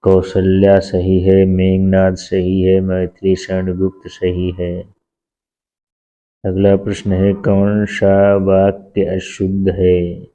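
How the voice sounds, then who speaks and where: In this dull, lo-fi exam-prep lesson, an Indian teacher with a deep, dark, mellow voice reads questions aloud and repeats every answer word for word. He works at an unhurried, methodical pace, and his pitch barely moves in an entirely flat delivery.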